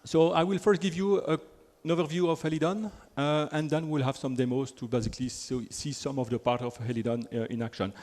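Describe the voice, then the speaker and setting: This conference speaker, a man from Belgium with a French accent, talks fairly quickly with hardly any pauses in a steady, darkish voice on the high side. His technical talk is chatty and self-deprecating, with frequent fillers and restarts, and the large hall adds long reverb.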